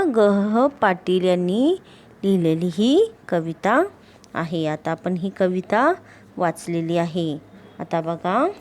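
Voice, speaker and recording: A woman teacher with a Marathi accent speaks to her young pupils in a slow, unhurried voice with a middle pitch. She asks the class questions and then answers them herself. When she recites a poem, her voice takes on a sing-song lilt. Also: a little mellow, a little hiss or hum. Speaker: primary school teacher.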